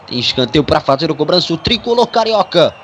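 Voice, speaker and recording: Fairly high-voiced Brazilian male football commentator. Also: very animated, a little fast, fairly bright tone, a little hiss or hum. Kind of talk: live web radio football commentary.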